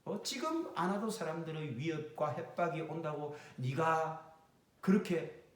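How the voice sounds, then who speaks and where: A man's voice: a little high, a little slow. A male pastor preaching a sermon in a church, acting out the voices he quotes. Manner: animated, acts out quoted speech in the sermon. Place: church sanctuary. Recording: roomy church echo, distant mic.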